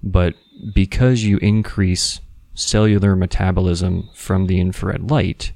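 A man's voice: low-pitched, little pitch movement, measured pace, creaky, a little mellow, no echo. A man talking casually and explaining things as a podcast co-host.

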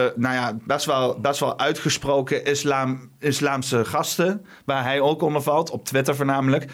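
A man's voice: medium pitch, fairly bright tone. A man hosting a casual chat, talking loosely and stumbling over repeated words.

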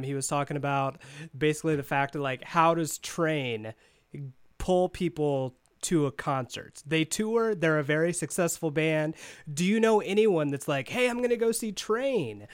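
A man on a podcast mic, chatting casually, easygoing and agreeable and quick to laugh. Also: fairly high pitch, clear, resonant tone, no echo, studio quality. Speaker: podcast host.

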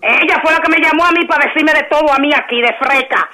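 A man's voice: fast talker, sharp tone, exaggerated voice. A man pranking on air, voicing a furious, foul-mouthed jealous woman with a Dominican accent. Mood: scolding. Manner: shrill, scolding, mocking insults. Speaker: radio prankster.

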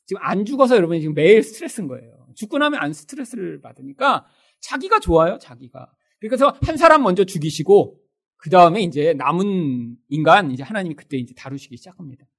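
A man's voice: high-pitched, very animated, quick pace. A man preaching a conversational sermon as a pastor, acting out everyday quotes.

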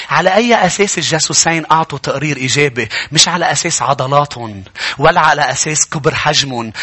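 A male pastor, preaching a fervent sermon that climbs into shouts. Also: on the high side, breathy edge.

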